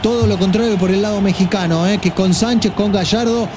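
A man with an Argentine Spanish accent, a co-commentator giving measured tactical analysis during a live football stream. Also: high-pitched, fairly even intonation, noisy background.

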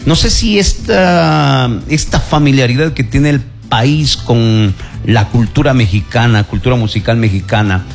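Animated male radio host, music behind. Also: measured pace, creaky. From Ecuador. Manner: animated, announcer-like swings in pitch. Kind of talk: lively radio show hosting.

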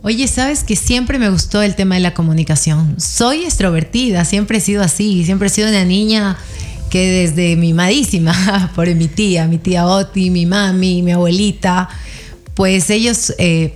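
A female guest with a southern coastal Ecuadorian accent, from El Oro province, chats casually and expressively in an interview, laughing often and using lots of fillers. Her voice is fairly low, her pace measured, with soft music behind her.

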